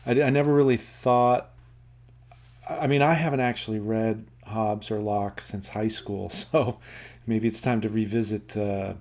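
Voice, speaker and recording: A man with a slightly low voice talks through a book he has read. He stops and restarts often, with plenty of ums, and then reads quoted passages in a steadier, measured way. The tone stays casual throughout. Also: fairly even intonation, a little mellow. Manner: halting, lots of fillers and self-corrections. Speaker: book reviewer.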